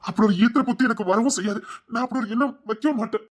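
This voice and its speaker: An anxious, remorseful young husband in a TV serial, with a Tirunelveli Tamil accent. He talks quickly, pleading and soothing, and repeats his apologies over and over. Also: very high voice. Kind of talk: TV serial acting.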